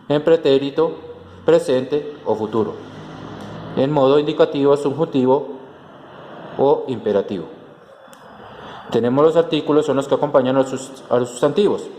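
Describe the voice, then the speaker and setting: A male teacher walks students through a lesson, pausing on fillers and restarting phrases as he explains. His voice rings in a roomy space with a long reverb tail. A faint hiss of background noise sits under it. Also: mid-range voice, a little mellow. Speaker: Spanish teacher. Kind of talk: recorded class tutorial.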